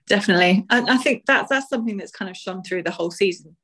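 Female co-host, mid-pitched, casual and hesitant sports chat. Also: quick pace, fairly bright tone, breathy edge. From Essex, England. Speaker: podcast co-host.

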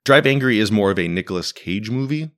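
A man's voice: lowish voice, animated, brisk, fairly bright tone. A man hosting a podcast in casual, wry conversational commentary, recorded in a living room. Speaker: podcast host. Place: living room used as a home studio.

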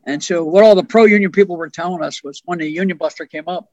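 A man's voice: high-pitched, quick pace, darkish tone, no room sound, dull audio. A man, a union organizing director, talking plainly in a podcast conversation and telling stories with asides.

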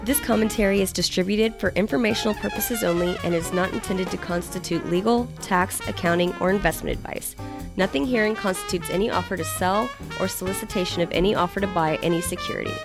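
A woman reads a scripted legal disclaimer in a formal, measured way, as an announcer. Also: medium pitch. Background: music with brass.

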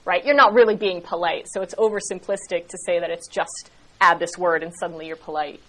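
A woman's voice: on the low side, steady tone, brisk, a bit bright, low-quality recording. A woman as an interview guest, explaining ideas fluently and laughing easily. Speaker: guest expert on interaction and politeness.

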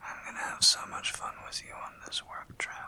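In a breathy whisper, a woman performs an intimate audio roleplay, alternating between teasing and commanding and urging again and again. Her tone is sharp and her pace fairly quick.

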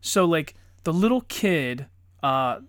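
A man in his thirties, a father and podcast co-host, telling stories in lively casual chat, swearing often and acting out quotes. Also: on the high side, takes it slowly, dry recording, studio quality. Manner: animated storyteller, swears often, acts out quotes.

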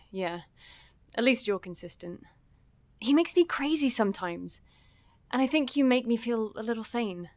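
A woman's voice: on the high side, lively intonation, normal speed, pauses often, dry recording. A woman playing a weary, sighing young woman. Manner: sighing and weary, turning sharp and frightened. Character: weary young woman trapped in a love triangle. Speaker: actor in an audio drama.

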